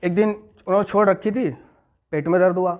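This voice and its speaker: A man's voice: high-pitched, fairly even intonation, brisk. A man leading an addiction recovery class, telling a story as a lecture, repeating key phrases and checking in with his listeners. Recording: muffled lo-fi recording.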